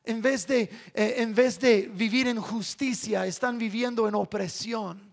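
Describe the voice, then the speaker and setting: A male preacher delivering a sermon, building to sudden loud, shouted climaxes. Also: sits high, fairly even intonation, a little slow, vocal fry.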